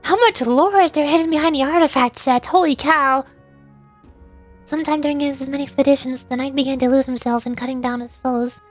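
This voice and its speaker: Game music hums faintly behind a woman streamer with a high voice who moves between chatting casually and reading lore out loud. She seems giggly, readily confused and self-deprecating, speaking in a steady tone at a fairly quick pace.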